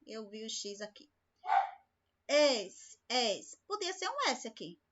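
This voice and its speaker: A woman's voice: on the high side, very animated, a little fast, bright, forceful tone, highs cut off. A woman teacher giving a recorded remote lesson, patient and speaking to the class with many questions. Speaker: school teacher.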